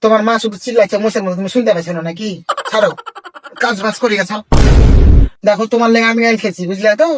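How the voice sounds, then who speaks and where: A woman's voice: mid-range voice, fairly even intonation, very noisy, natural voice. A woman playing a fiery young daughter-in-law. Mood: irritated. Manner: loud, fast, argumentative. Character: sharp-tongued young village daughter-in-law, quarrelsome. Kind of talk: comedy skit acting.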